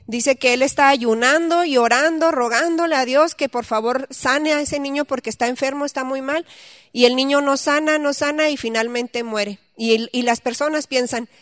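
A woman's voice: high-pitched, normal speed, a bit bright, dry recording, studio quality. A woman teaching a Bible study, reading scripture aloud and then explaining it conversationally with questions to her listeners.

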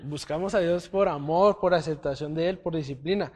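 Guy teaching bible class, chatty preacher style, keeps asking if folks follow, voice a bit on the high side. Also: moderate pace, a little mellow. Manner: checks in with listeners, often asking "¿sí?". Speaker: church teacher.

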